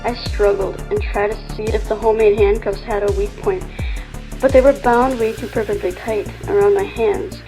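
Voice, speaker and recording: A woman reading out her own first-person horror drama in an easy, conversational tone, slipping in fillers as she goes. Her voice sits at an ordinary middle pitch for a woman. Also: steady tone, moderate pace, mellow, faint music behind, rough recording. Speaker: narrator. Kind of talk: first-person story narration.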